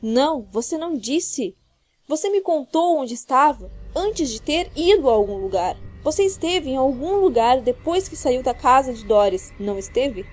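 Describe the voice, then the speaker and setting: A woman's voice: fairly high pitch, brisk, hardly any pauses, dark tone, breathy edge. A woman voicing a jealous young man who accuses his fiancée in an audiobook reading. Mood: angry. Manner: accusing, insistent. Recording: dull lo-fi with faint music.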